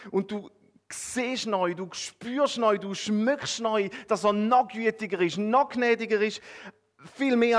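A man with a Swiss German accent preaching a sermon, talking straight to his listeners and swinging between emphatic, rising phrases and hushed, drawn-out ones. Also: sits high. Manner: addresses listeners directly with a conversational "oder?".

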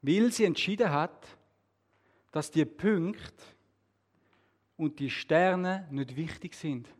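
A man's voice: on the high side, slow, long reverb tail. A man telling a story to an audience, with humorous asides.

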